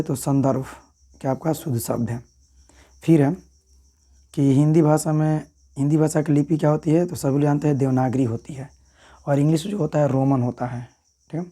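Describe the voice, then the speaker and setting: A man's voice: fairly high pitch, dark tone. A man, talking through exam answers as a teacher in a casual way and often checking in with "thik hai" and "right".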